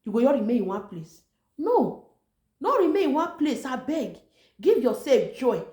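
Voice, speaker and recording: A woman's voice: high-pitched, big pitch swings, moderate pace, dark tone. A woman with a Nigerian accent speaking Nigerian Pidgin, giving an informal motivational talk in an emphatic, repetitive, exhorting way. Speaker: online motivational vlogger. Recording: echoey room.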